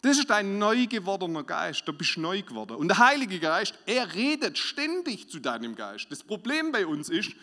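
A man preaching a sermon as pastor, swinging between loud emphasis and quiet asides. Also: high-pitched, sing-song, moderate pace, few pauses. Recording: hall reverb.

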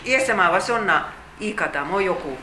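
A woman's voice: mid-range voice, animated, moderate pace, echoey room, noisy background. A woman teaching a Bible study, explaining chattily with fillers and asides.

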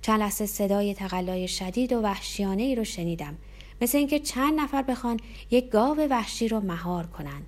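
Female audiobook narrator, tense dramatic first-person story reading. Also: medium pitch.

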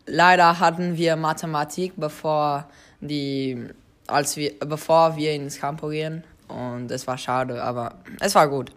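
A woman's voice: sits low, steady tone, unhurried. A woman student answering survey questions thoughtfully, with small hesitations. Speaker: student interviewee.

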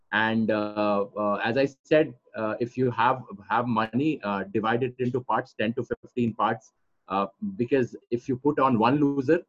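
A man with an Indian accent explaining things as a coach in an interview, repeating phrases for emphasis. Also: medium pitch. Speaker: trading coach being interviewed. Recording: dull, lo-fi audio.

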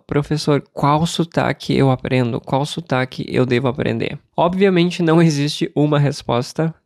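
A Brazilian man teaching Portuguese on a podcast, calm and explanatory, who poses questions and then answers them himself. His voice sits at an ordinary middle pitch. The sound is dry and close, with no room behind it. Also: no echo. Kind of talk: podcast lesson for learners.

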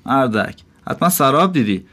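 Man voicing a scornful innkeeper, higher pitched, loud, mocking, scolding. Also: close to an everyday voice. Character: scornful middle-aged male innkeeper.

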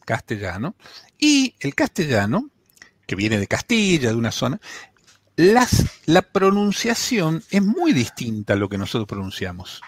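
Lively Buenos Aires man explaining. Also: on the high side, no echo, clean studio sound. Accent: Buenos Aires Spanish. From Argentina. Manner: talkative, explanatory, with many restarts. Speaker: tech segment contributor. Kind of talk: casual radio chat.

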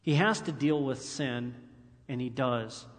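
A man's voice: mid-range voice, measured pace, in a large hall. A male pastor preaching a sermon in an earnest way, reading scripture aloud with emphatic rises.

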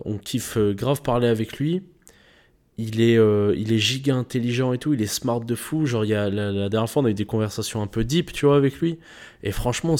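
A man's voice: lowish voice, darkish tone. A young man hosting a podcast, giving a casual motivational monologue in loose slang with lots of fillers and restarts. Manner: rambling, loose slangy talk with many fillers. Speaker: podcast host.

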